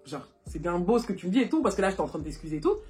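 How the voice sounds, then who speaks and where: A young woman from France telling a casual storytime to her viewers, animated and chatty, filling her talk with little asides and laughs. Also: on the low side, rapid-fire, soft background music. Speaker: vlogger. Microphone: phone.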